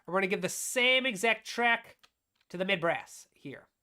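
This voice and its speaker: A woman's voice: mid-range voice, expressive, normal speed, bright, forceful tone. A woman teaching music production on a live stream, explaining her steps aloud as she demonstrates and answering her own questions.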